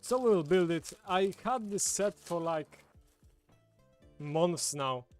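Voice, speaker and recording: Hosting a livestream at an indoor table, this native Polish speaker from Poland chats casually in a Polish accent over background music. He has a high-pitched voice with lively intonation and speaks at a slow pace.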